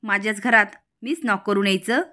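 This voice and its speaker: Woman playing a sharp-tongued wealthy housewife. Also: medium pitch, steady tone, normal speed, close to an everyday voice. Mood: indignant. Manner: sharp, accusing.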